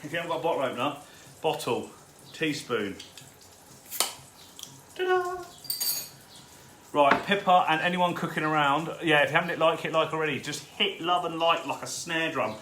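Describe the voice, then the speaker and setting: A slightly high-pitched, somewhat quick male voice belongs to a home cooking host running a live cook-along in his own kitchen. He chats loosely with viewers and swears freely, and the roomy kitchen carries background noise.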